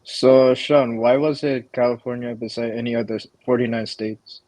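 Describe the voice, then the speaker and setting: A man's voice: medium pitch, steady tone, moderate pace, a little mellow, dry recording, low-quality recording. A young man co-hosting a podcast, chatting casually with jokey asides. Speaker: podcast co-host.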